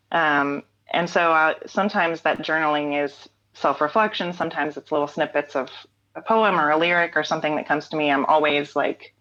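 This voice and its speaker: With a deep voice and a fairly bright tone, this late-thirties singer-songwriter talks thoughtfully in a reflective interview, laughing easily and filling pauses with "um" and "like." The recording has its highs cut off.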